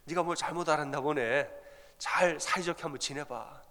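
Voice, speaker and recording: A man's voice: on the high side, fairly quick, sharp tone, big-room sound. A man voicing a schoolteacher who brushes off a bullied student's complaint. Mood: dismissive. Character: dismissive schoolteacher protecting a rich pupil.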